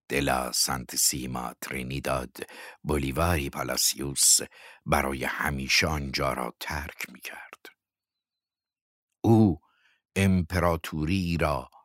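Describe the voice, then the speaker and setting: Deep-voiced man narrating a novel. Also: no echo, clean studio sound. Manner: measured, often drops to a hushed whisper.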